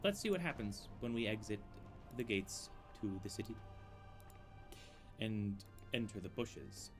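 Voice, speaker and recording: A man's voice: on the low side, animated, a little slow, soft background music. Dryly musing man playing a game. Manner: musing, dryly amused, talks to himself. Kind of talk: casual gameplay commentary. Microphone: desk microphone, leans away at times.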